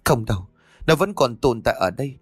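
A man's voice: animated, a little fast, slightly rough, no echo, clean studio sound, faint music behind. A man voicing a terrified young pregnant wife who pleads in a frantic, raised voice. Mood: frightened. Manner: frantic, high-pitched pleading.

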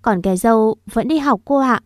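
Woman doing a bossy teen village boy, argues a lot, raised pitch. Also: a little fast, no room sound, clean studio sound, close to an everyday voice. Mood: subdued. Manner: quarrelsome, then tearful.

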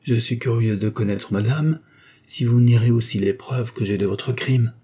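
A man's voice: mid-range voice, moderate pace, mellow, slightly rough, voice pushed up. A man reading the part of a proud, scornful young former governess, with a cold, ironic, cutting delivery. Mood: mocking. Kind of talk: audiobook dialogue reading.

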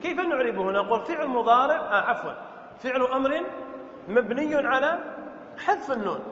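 A man's voice: extremely high pitch, expressive, fairly quick, bright, forceful tone. A man teaching an Arabic grammar lesson as a sheikh, explaining step by step and quizzing his students with questions. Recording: echoey hall, dull lo-fi sound.

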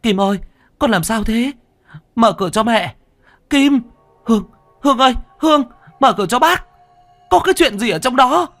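A man voicing a frantic middle-aged mother in a ghost story, shrill, pleading and scolding. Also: lively intonation, normal speed, pauses often, a bit bright, faint music behind, heavily acted. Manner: shrill, pleading, then cursing. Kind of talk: storybook character voice.

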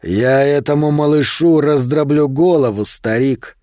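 A man reading an audiobook, voicing a brutal male vampire thug with slow, loud, jeering threats. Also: a little high, no room sound, clean studio sound, lightly acted. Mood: menacing.

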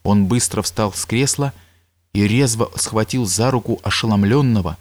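A man reading an audiobook in a measured, solemn narration. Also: fairly low pitch, darkish tone, no room sound. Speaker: audiobook reader. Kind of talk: scripted narration.

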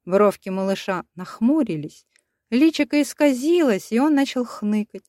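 A woman narrating an audiobook in a steady, expressive reading voice. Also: fairly high pitch, normal speed, no room sound, studio quality.

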